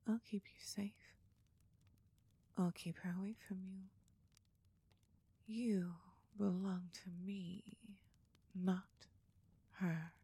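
A woman voicing a doting, possessive young goth woman lover in an intimate audio roleplay, talking in a soft coaxing whisper. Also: fairly high pitch, slow pace, vocal fry, long pauses, husky, dry recording, heavily acted. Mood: tender.

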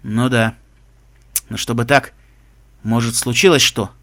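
A man reading aloud and voicing a gruff, teasing middle-aged stepfather who speaks in a lazy drawl. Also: medium pitch, fairly even intonation, unhurried, fairly bright tone, voice pushed down.

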